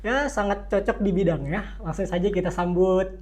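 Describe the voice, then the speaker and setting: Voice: mid-range voice, normal speed, a little mellow. A young student podcast host who speaks in a chatty, loosely phrased way and gives lots of short acknowledgements. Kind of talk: casual podcast interview.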